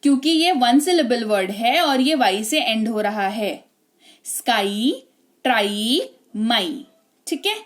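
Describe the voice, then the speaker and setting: An Indian-accented woman teaching English spelling rules, chatty and often checking in with tag questions. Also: high-pitched. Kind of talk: spelling lesson explaining rules.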